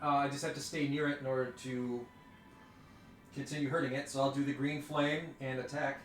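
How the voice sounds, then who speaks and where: An easygoing man playing a tabletop game, quick to laugh. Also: medium pitch, little pitch movement. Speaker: player. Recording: roomy room with faint music.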